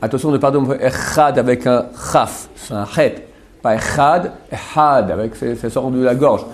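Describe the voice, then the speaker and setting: A man teaching a religious class. He talks in a chatty way, checks often that the class follows, and slowly repeats words to show how they are said. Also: medium pitch, background noise. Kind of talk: Torah class on Hebrew pronunciation.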